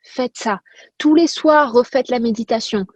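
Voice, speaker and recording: Woman, motivational coach, fairly high voice, lively and repetitive, dry close sound. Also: measured pace, no echo. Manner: energetic, repetitive, rhetorical questions. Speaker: personal development coach. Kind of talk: motivational talk to camera.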